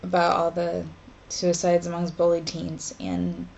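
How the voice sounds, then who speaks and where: A woman in her twenties talking haltingly and emotionally in a personal vlog from her dorm room, with pauses and sighs. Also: lowish voice, monotone, a little mellow, dull audio, slight background noise. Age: 20s. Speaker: vlogger.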